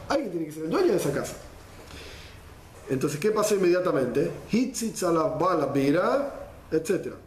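Man, lively Torah class teacher, slightly high voice, roomy echo. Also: a little hiss or hum. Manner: lively explainer, mixes Hebrew quotes with Spanish gloss.

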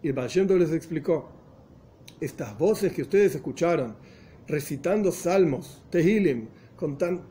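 A man's voice: high voice, mellow. A man telling a religious story as a lesson, chanting quoted prayers with rising pleading and glossing Hebrew and Yiddish phrases in Spanish. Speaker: religious teacher.

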